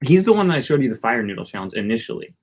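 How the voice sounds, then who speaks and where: A man's voice: medium pitch, sing-song, very fast, a little mellow. A man co-hosting a casual livestream, rambling and greeting viewers in the chat by name. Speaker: livestream co-host.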